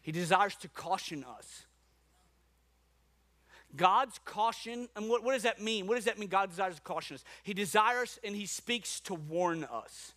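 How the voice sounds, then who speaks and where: A man's voice: high voice, expressive, a little slow, sharp tone. A man from New Orleans preaching a sermon as a pastor, with rhetorical questions and repetition. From New Orleans, USA.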